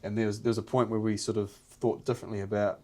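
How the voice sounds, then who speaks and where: A man's voice: lowish voice, little pitch movement, fast, warm tone. A man with a broad New Zealand accent chatting casually and earnestly on a podcast, rambling a little and using plenty of slang. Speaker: podcast host.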